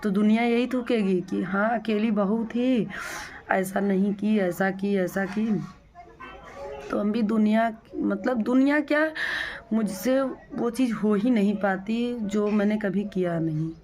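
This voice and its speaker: A young adult woman vlogger talks straight to her viewers in a casual vlog, her mid-range voice a little slow and a little mellow. She retells events plainly, often repeating herself and starting sentences over.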